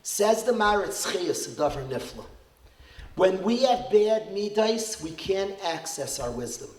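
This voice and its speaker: Middle-aged rabbi addressing parents, high voice, emphatic rises, echoey event hall. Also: male voice, unhurried. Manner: animated, rising to emphatic peaks, mixes Hebrew and Yiddish terms. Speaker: rabbi and school principal. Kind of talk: inspirational talk to parents. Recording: roomy hall reverb.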